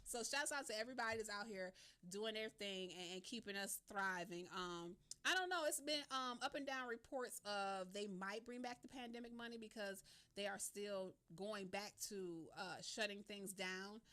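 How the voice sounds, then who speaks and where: A woman's voice: mid-range voice, moderate pace. A woman hosting a radio show, talking casually with lots of slang, laughter and swearing. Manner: animated, slangy, laughs often, swears freely. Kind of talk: casual talk radio monologue.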